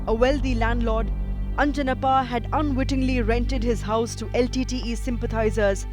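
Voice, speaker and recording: A man reading a scripted news documentary narration in a measured, even way. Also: very high voice. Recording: voice-over with music behind.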